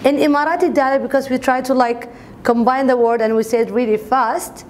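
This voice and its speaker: A woman's voice: high voice, fairly even intonation, a little fast, slight background noise. A young woman teaching an informal language lesson to camera, explaining and repeating example words. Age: young adult. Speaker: language teacher and video host. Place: bright indoor office classroom.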